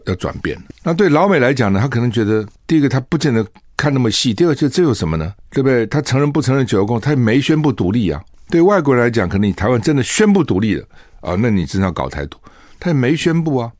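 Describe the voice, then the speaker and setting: A man's voice: deep voice, darkish tone, dry recording, studio quality. An older man hosting a talk radio show and commenting on the news. He speaks in a folksy, conversational way and keeps asking rhetorical questions.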